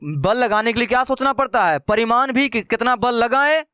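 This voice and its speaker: In a casual classroom-style math explanation, a young man with a Bihari Hindi accent throws out questions and answers them himself, chatty and playful. He is a math teacher whose high voice is smooth and clear, bright and forceful, at a moderate pace. There is almost no room echo in the dry, close recording.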